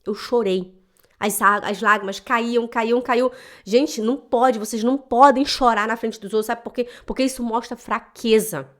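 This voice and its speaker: A woman who teaches German, telling a personal story to the camera in an emotional, animated way and often adding "né?" to her sentences. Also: fairly high pitch, normal speed. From Brazil (Belém do Pará). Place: lives in German-speaking Switzerland.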